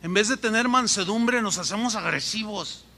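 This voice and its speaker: Emphatic Mexican preacher in an echoing hall. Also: male voice, sits high, bright, forceful tone. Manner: emphatic, pausing and repeating for effect. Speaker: pastor. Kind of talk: sermon. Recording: long hall reverb.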